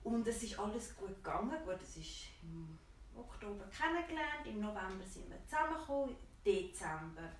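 A woman's voice: mid-range voice, big pitch swings, normal speed, slight background noise. A woman with a Swiss German accent tells a personal story in conversation, acting out quoted dialogue and laughing often. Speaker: guest. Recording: echoey room, distant mic.

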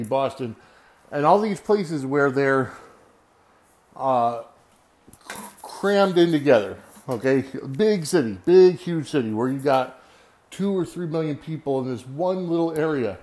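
Male podcast host, American accent, mid-range voice, off-the-cuff monologue with halting, wandering delivery. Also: mid-range voice, a little mellow. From United States. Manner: rambling, halting, often searching for words. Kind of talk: unscripted solo podcast monologue.

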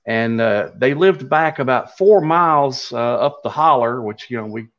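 A man's voice: mid-range voice, lively intonation. Middle aged kentucky guy w appalachian accent, folksy rambling storytelling, kinda dull lo-fi sound. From Kentucky, USA. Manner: folksy, halting, unhurried telling. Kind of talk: casual oral storytelling. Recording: dull lo-fi audio.

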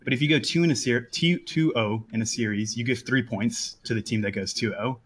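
A man calls in to a live show and explains his view. He hesitates and thinks aloud, filling gaps with "uh" and "like." His voice sits at an average pitch for a man. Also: brisk, breathy edge. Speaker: caller. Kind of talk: casual call-in.

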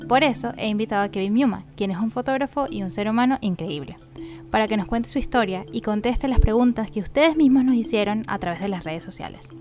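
A woman's voice: fairly high pitch, animated, fairly quick, a little mellow, soft background music. A woman hosting a podcast, introducing and interviewing a guest in friendly, casual talk, laughing often. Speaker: podcast host.

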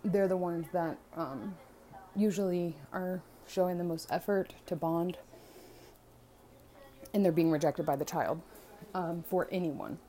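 Low, mellow woman talking hesitantly. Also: fairly even intonation, measured pace, slight background noise. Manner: hesitant, frequent "um" and restarts. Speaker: speaker on family dynamics. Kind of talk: casual monologue.

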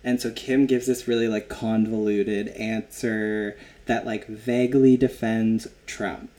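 A man's voice: lowish voice, level tone, a little slow, mellow. A man hosting a casual podcast, recapping a scene and acting out the quotes. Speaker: podcast host.

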